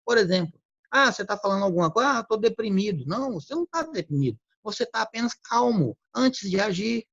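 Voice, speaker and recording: A man giving a motivational talk on word choice, acting out quick everyday exchanges. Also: high voice, animated, creaky, fairly bright tone, no echo. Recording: dull lo-fi recording.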